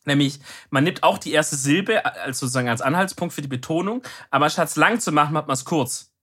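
A man's voice: on the high side, quick pace, bright, forceful tone, breathy edge. A young man from Baden-Württemberg with a light Swabian accent, co-hosting a podcast in easygoing casual chat. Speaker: podcast co-host.

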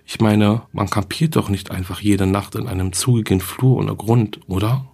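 A man's voice: lowish voice, steady tone, normal speed, vocal fry, a little mellow, slightly rough. A man voicing a curious, bold young girl who keeps asking questions. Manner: questioning, probing.

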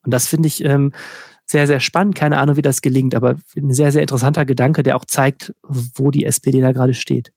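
A man's voice: mid-range voice, flat delivery, brisk, a little mellow, dry recording, clean studio sound. A man co-hosting a podcast, speaking thoughtfully and hesitantly, with many fillers. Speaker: podcast co-host. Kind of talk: casual podcast discussion.

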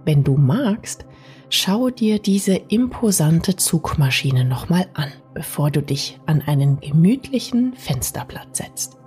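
A woman narrates a bedtime sleep story in a soft, soothing, partly whispery way, speaking intimately to the listener. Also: deep voice, very animated, slow. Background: music.

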